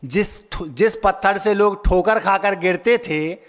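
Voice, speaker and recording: A man's voice: high-pitched, measured pace. A man giving a sermon as a monk, emphatic, asking rhetorical questions and acting out the people he quotes. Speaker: Jain monk preacher. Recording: long hall reverb.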